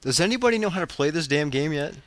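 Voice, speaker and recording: A man's voice: fairly high pitch, animated, fast talker, dry recording. A man co-hosting a casual chat in a blunt, unimpressed, slangy way. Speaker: podcast co-host.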